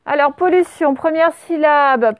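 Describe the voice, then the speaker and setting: A woman teaching a spelling lesson, dictating words slowly and spelling them out letter by letter and syllable by syllable. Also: high voice. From France. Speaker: primary school teacher.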